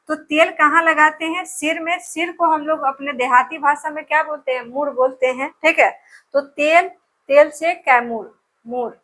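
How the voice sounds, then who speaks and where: A woman's voice: high voice, bright, forceful tone. A woman teacher giving an exam-prep lesson, drilling place names with memory tricks and repeating each answer over and over.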